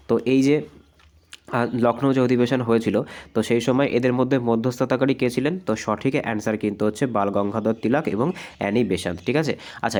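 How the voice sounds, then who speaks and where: Hoarse male tutor from West Bengal, patient explainer, mid-pitched, keeps checking that students follow. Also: darkish tone. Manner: explanatory, repeats "ঠিক আছে?" often. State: hoarse from a cold. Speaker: exam coaching teacher. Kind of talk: exam practice lesson.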